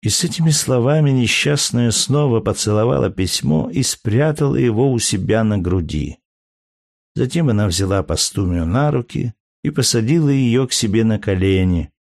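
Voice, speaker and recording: A man narrating an audiobook in a measured, steady storytelling manner. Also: lowish voice, creaky, dry recording, studio quality. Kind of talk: scripted narration.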